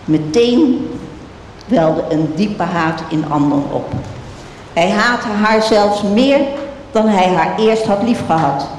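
A reader giving a slow, measured scripture reading, recorded in a roomy hall. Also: expressive. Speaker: Bible reader. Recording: roomy hall reverb, faint rumble.

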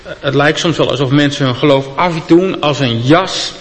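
A man reading a scripture passage aloud and then preaching a sermon, with an expressive delivery that gives the speakers in the story their own voices. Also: on the high side, normal speed. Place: church. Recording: long church reverb.

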